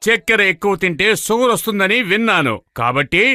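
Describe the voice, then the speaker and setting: Sly scheming cartoon boss. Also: male voice, high voice, expressive, a little fast, sharp tone, full character voice. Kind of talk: Telugu cartoon dub.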